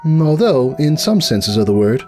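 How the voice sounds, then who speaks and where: A man puts on a gentle female pony princess for a comic storybook. The voice is lifted in pitch, regal and measured, slightly awkward, with faint music behind. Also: very animated. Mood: calm, awkward.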